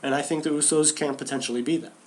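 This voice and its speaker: A podcast co-host with a voice on the high side talks fast, with fairly even intonation, about wrestling. His delivery is casual and animated, full of restarts and repeated phrases.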